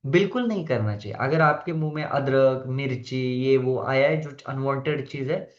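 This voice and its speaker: A man teaching a devotional etiquette class in a conversational way, mixing English phrases into his talk and bringing in gentle humor. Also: medium pitch, normal speed. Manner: gentle humor, acts out quoted people. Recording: roomy, dull lo-fi sound.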